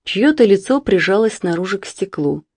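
A woman narrating a children's story as an audiobook reader, in a measured storytelling manner. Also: medium pitch, lively intonation, a little mellow, no echo, studio quality.

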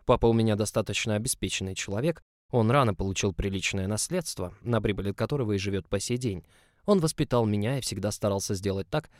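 Calm low-voiced male audiobook narrator. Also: dry recording, studio quality. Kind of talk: first-person audiobook narration.

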